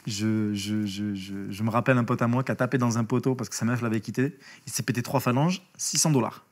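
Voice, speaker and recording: A man speaking as an interview guest, telling a story in a casual, lively way, with slang, swearing and many restarts. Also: medium pitch, a little fast.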